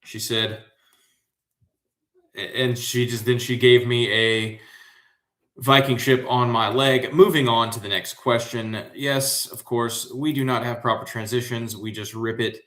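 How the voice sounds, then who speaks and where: A man's voice: mid-range voice, fairly even intonation, unhurried, fairly bright tone. American man, trivia host, slangy and rambling, laid-back pace, roomy echoey sound. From Central Florida, USA. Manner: slangy, hyped, rambling asides. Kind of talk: casual livestream trivia hosting. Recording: echoey room.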